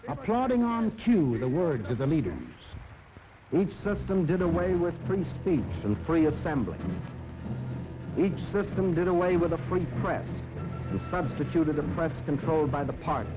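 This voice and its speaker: Here the documentary narrator is an American man, a little high and expressive, moving at a normal pace through a scripted 1940s propaganda film. His delivery is emphatic and dramatic against loud music and a dull period soundtrack.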